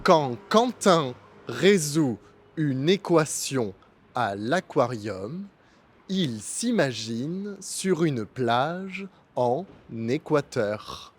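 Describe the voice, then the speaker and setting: A man teaching pronunciation in a slow, scripted lesson, articulating each sound with care. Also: fairly high pitch, lively intonation, husky. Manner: careful, deliberate articulation. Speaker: French teacher.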